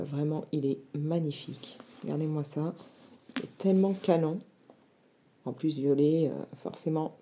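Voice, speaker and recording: A woman's voice: low-pitched, dark tone. A woman in her thirties, a book vlogger chatting casually and eagerly through her latest books, with many fillers. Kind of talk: casual book haul chat.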